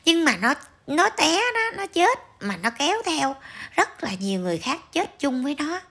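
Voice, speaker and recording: A woman's voice: high-pitched, very animated, normal speed, sharp tone. A woman ranting to her viewers in a scolding, emphatic way, full of rhetorical questions. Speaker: vlogger commentator.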